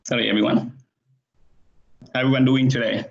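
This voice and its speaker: A man from Vietnam with a Vietnamese accent, giving an online technical presentation, with frequent pauses and restarts. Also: medium pitch, flat delivery, vocal fry. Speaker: conference presenter. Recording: dull, muffled sound.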